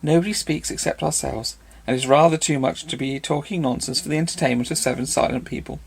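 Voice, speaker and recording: A man voicing a clever young woman in an audiobook reading, quick and lightly mocking. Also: medium pitch, animated. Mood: teasing.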